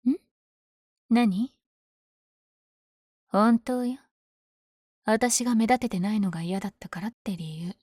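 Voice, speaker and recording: Villainess for ASMR audio drama, female actor: dark velvety tone, cocky, smitten with her rival, teasing delivery, dry intimate sound. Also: mid-range voice, takes it slowly, long pauses, no room sound. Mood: bashful, confiding. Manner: teasing, breathy asides. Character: powerful flirtatious villain lady, smitten with her hero rival.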